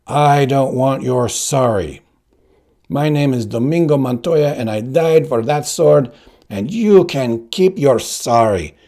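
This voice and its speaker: A man's voice: medium pitch, animated, slow, pitched above the performer's own voice. A man doing a bitter, scolding father's ghost. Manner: loud, bitter reproach.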